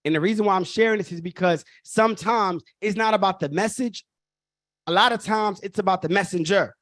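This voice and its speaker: A man's voice: high-pitched, brisk, a bit bright, no echo, studio quality. A man, hosting a live online workshop in an emphatic, repetitive way and calling the audience y'all. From Brooklyn. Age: 30s. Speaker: workshop host.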